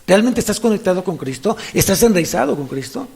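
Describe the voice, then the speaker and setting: A man with a Mexican Spanish accent preaching as a pastor in a church, animated, repeating phrases for emphasis. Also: high-pitched, brisk, vocal fry, breathy edge. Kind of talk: sermon.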